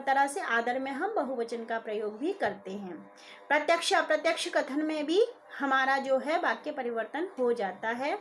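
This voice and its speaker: High-voiced woman lecturing clearly. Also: fairly bright tone. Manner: clear and explanatory, stressing terms. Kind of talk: recorded lesson.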